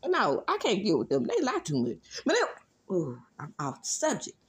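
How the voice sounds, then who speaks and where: A woman's voice: mid-range voice, wildly swooping pitch, moderate pace, husky. A woman with a Southern Mississippi accent chatting casually as a gossip commentator, sassy and blunt, with conversational asides. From Mississippi, United States. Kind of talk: casual celebrity gossip chat, solo commentary.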